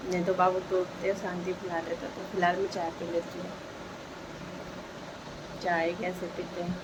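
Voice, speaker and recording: Sleepy low-voiced woman vlogging at home. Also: muffled recording. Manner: sleepy, slow and soft-spoken. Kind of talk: casual vlog chat. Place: dim home at morning. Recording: steady background noise. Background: rain.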